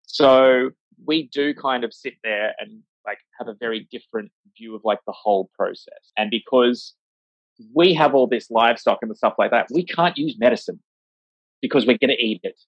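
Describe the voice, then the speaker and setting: A man's voice: medium pitch, normal speed, no room sound. A man who works as a vet, chatting casually in an interview with a rambling, filler-heavy manner and acting out the voices he quotes. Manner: acts out voices when quoting. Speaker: veterinarian, interview guest. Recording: slightly dull, dry lo-fi recording.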